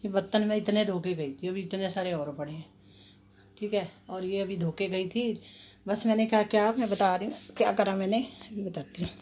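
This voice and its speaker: A woman's voice: medium pitch, darkish tone, slight background noise, poor audio. A middle-aged woman with a Delhi Hindi accent, chatting casually through her chores at home for her vlog, recorded on a phone in her kitchen and balcony. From India. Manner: chatty, describes chores step by step. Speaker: vlogger.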